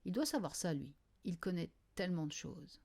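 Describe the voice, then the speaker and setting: A woman narrating a children's novel in the first person, in a quiet, wry diary style. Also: fairly low pitch, expressive, moderate pace, vocal fry, breathy edge. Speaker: audiobook reader.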